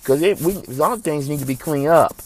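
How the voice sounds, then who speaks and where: A man's voice: a little high, normal speed, darkish tone, dry recording. A man from the United States hosting a religious commentary show, speaking in an impassioned, preachy way that repeats phrases for emphasis.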